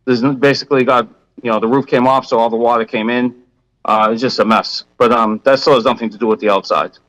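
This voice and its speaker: Boston accent guy, contractor explaining himself at a hearing, medium pitch, plain talk, no room echo. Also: fairly even intonation, quick pace, fairly bright tone. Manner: plain-spoken, informal. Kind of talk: informal testimony at a hearing.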